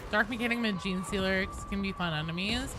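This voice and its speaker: Speaking fairly fast at a mid-range pitch over a noisy background, a woman streaming a video game live keeps up casual gaming chat. She responds to her viewers' comments with jokes and swearing.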